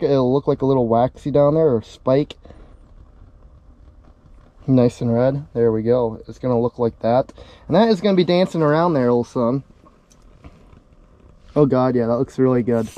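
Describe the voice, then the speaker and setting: A laid-back young fishing vlogger talks while rigging gear in a small ice fishing shelter, showing his lures as he goes. His medium-pitched voice has a warm tone, and there's no echo. He switches from a camera mic to a head-mounted action camera.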